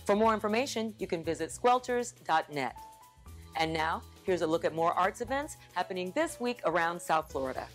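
A woman's voice: on the low side, animated, normal speed, soft background music. A woman hosting an arts program, reading scripted narration with a polished presenter delivery. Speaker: host.

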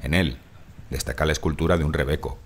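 A man giving calm, measured, scripted narration of a mountain hike, as in a nature documentary. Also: extremely low pitch, breathy edge. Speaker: hiking vlogger narrating. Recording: voice-over with music behind.

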